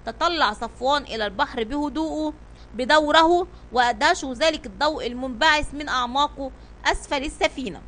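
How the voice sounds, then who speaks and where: A woman's voice: sits high, fairly quick, fairly bright tone. A woman narrating a children's audio story, often stumbling and restarting words. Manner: stumbling restarts while reading.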